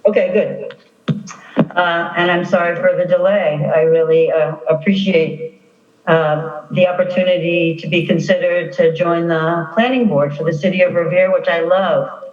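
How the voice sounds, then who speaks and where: A woman in her sixties with heavy echo on her call-in audio, giving an earnest, halting statement as an applicant for a planning board. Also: on the low side, fairly even intonation. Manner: earnest, halting, with many ums and uhs. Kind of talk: remote spoken statement at a public meeting. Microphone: computer call-in. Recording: echoey, dull lo-fi call audio.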